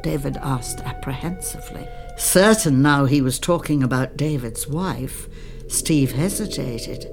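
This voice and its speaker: Slow, calm male audiobook narrator. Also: medium pitch, faint music behind. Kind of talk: scripted narration.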